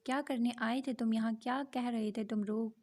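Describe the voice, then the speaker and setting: A woman's voice: a little high, fairly even intonation, warm tone, natural voice. A woman voicing a furious, possessive young husband who threatens harshly.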